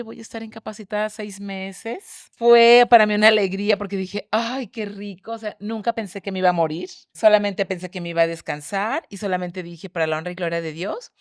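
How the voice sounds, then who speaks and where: A woman's voice: mid-range voice, no room sound, clean studio sound. A middle-aged woman cheerfully telling a personal faith testimony. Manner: cheerful, animated storytelling. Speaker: guest sharing a testimony.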